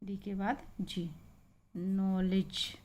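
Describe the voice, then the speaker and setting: Woman teacher, slow and patient drill of example words, mid pitch, unhurried delivery. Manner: patient, repeats each example word slowly. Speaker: English teacher. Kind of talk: slow spoken pronunciation lesson.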